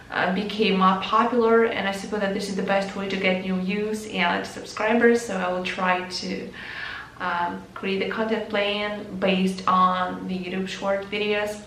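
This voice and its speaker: A woman's voice: mid-range voice, fairly bright tone, a little hiss or hum. Young Ukrainian woman in an echoey room. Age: young adult. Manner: earnest, with frequent fillers and restarts. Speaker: vlogger. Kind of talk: casual vlog narration. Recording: echoey room with faint music.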